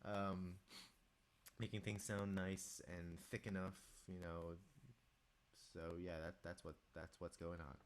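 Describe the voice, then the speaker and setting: Deep stuffy-nosed guy chatting to his stream while he composes, kinda hoarse throat. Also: level tone, slow, slight background noise. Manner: chatty, talks to viewers and reads their chat aloud. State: stuffy nose; sore throat. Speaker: music composer streaming live. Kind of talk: casual live-stream commentary while composing.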